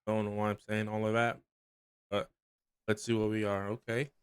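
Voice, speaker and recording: A man's voice: fairly low pitch, level tone, normal speed, clean tone, no echo, clean studio sound. Man reacting to a horror game. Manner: startled exclamations, reactive, chuckling. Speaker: gamer. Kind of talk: let's play commentary.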